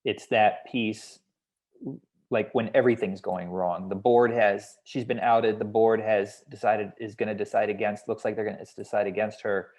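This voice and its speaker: A man with a fairly low, darkish voice walks through his script notes at a moderate pace and level tone. It's a feedback discussion at a table read, and he hedges conversationally like a consultant.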